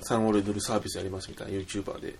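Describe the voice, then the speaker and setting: A man co-hosting a casual podcast chat, agreeable, asking questions and laughing quickly. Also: on the low side, level tone, gravelly, a little mellow, slight background noise. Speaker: podcast co-host.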